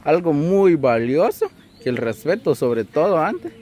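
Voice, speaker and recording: A man's voice: fairly high pitch, sing-song, a little slow, darkish tone. A man interviewing someone, adding his own reflective views along the way. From Guatemala. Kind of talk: casual interview.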